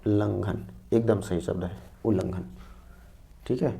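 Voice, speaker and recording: Man teaching Hindi spelling, slightly low voice. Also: steady tone, gravelly, warm tone. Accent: North Indian Hindi. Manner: explains slowly, repeating each word and saying "dekhiye" and "theek hai". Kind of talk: exam-prep spelling lesson.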